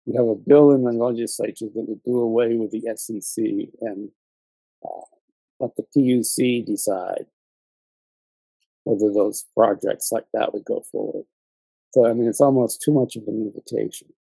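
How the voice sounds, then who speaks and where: A man's voice: fairly low pitch, fairly even intonation, normal speed, gravelly, warm tone, slightly rough, no room sound, poor audio. A journalist guest in an interview, a man who talks hesitantly and restarts his sentences. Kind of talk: conversational interview.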